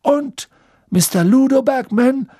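A man voicing a calm, solemn old male headmaster who speaks slowly and ceremoniously, in a husky voice. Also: very high-pitched, no echo, clean studio sound, pitched above the performer's own voice, heavily acted. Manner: slow, ceremonious speech.

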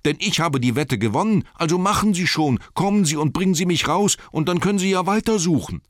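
A man's voice: low voice, animated, moderate pace, dry recording, studio quality. A male narrator voicing a small, polite but impatient adventurer who raises his voice to press his demands. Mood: impatient, insistent.

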